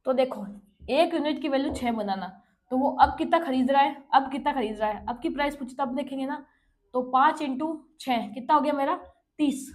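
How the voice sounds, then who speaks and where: A woman teaching an exam-prep maths lesson, working through problems step by step, often checking in with "okay" and reading English questions out slowly. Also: sits high. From India. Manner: explains step by step, checking with "ठीक है".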